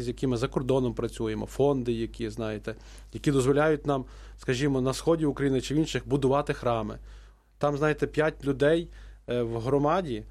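A man's voice: mid-range voice, darkish tone. A man, a priest, answering questions on a radio talk show, speaking hesitantly with many fillers and restarts. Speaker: priest guest.

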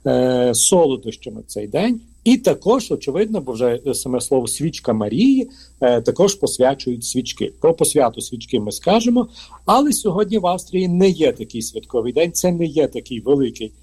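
Ukrainian-born male priest, mellow husky voice, halting interview talk full of fillers. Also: mid-range voice, sing-song. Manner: hesitant, frequent filler sounds and restarts. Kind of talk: conversational interview answer.

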